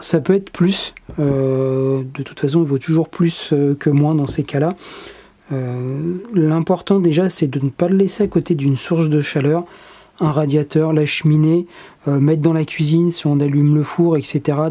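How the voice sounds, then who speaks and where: A laid-back workshop tutorial host talks through a repair job step by step. The voice is mellow and a little dark, at an everyday mid pitch. The delivery is easygoing and halting, with frequent filler pauses. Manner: relaxed, hesitant, many filler pauses.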